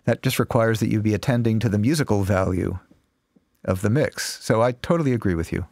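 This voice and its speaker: A man who is a mastering engineer, giving measured technical explanations as an interview guest. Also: on the low side, darkish tone, no echo, studio quality.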